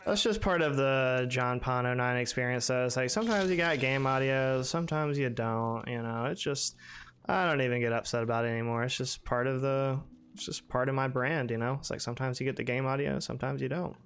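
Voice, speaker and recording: A man's voice: medium pitch, a little fast, a bit bright, slight background noise. A young man streaming a game live, chatting casually and rambling with lots of fillers while answering his chat.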